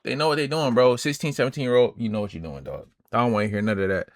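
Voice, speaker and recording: A man in his twenties giving blunt, emphatic, slang-heavy reaction commentary as a streamer, often trailing off quieter at the ends of phrases. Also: mid-range voice, quick pace, dry recording. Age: 20s.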